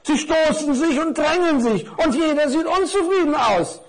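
A man voicing a thick, slow-witted gift-wrapped scarf in a children's story, puzzled and rambling. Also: extremely high pitch, animated, pitched above the performer's own voice. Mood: curious.

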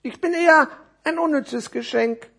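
A man's voice: very high voice, normal speed, gravelly, fairly bright tone, pitched above the performer's own voice, full character voice. A man voicing a weary, know-it-all gift-wrapped necktie in a storybook tale, talking in a lecturing, impatient way. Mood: worldly-wise.

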